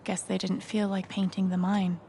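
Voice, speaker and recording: A woman's voice: mid-range voice, little pitch movement, normal speed, creaky, mellow, slight background noise, natural voice. A woman acting a kind, self-doubting young woman in a video game, musing hesitantly. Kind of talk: video game dialogue and inner monologue.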